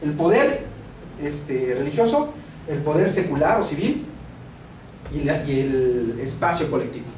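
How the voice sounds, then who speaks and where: Animated Mexican man lecturing in an echoey room. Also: fairly high pitch, measured pace, pauses often. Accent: Mexican Spanish. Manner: conversational, anecdotal, frequent rhetorical "¿no?". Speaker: law lecturer. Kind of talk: classroom lecture. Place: university classroom. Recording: echoey classroom, distant mic, noisy.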